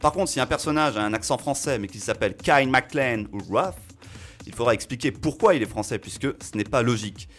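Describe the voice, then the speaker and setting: A man reviewing a film on a local radio show, talking in an animated way with fillers as he works through his points. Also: medium pitch, fast, faint music behind. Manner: animated, reasoning aloud with fillers. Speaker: film critic.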